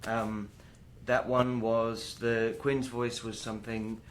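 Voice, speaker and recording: A man's voice: medium pitch, takes it slowly, slight background noise. A man in his thirties, an actor being interviewed, talking casually with hesitant fillers and easy laughs. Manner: relaxed, hesitant with many fillers, laughs easily. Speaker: actor guest.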